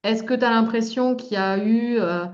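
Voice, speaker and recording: A woman interviewer asking informal questions in a halting way, piecing them together as she goes, on a lo-fi recording. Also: on the high side. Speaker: interviewer, coach. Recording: dull, lo-fi sound.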